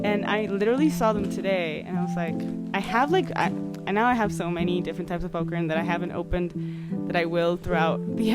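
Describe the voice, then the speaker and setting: A young woman hosting a podcast, chatting casually with lots of likes and ums. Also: mid-range voice. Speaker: podcast host. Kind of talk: casual chat.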